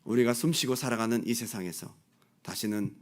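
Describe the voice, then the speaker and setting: A man's voice: a little fast, lightly acted. A man playing a fed-up young woman ending it. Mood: cold. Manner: low, flat, cold and final.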